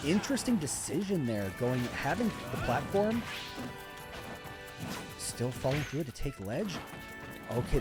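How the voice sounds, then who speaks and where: A man works as an esports caster, giving live play-by-play and analysis of a video game match. He is talkative and reactive, with a middling pitch. Music plays clearly behind his voice. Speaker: esports commentator, also a player.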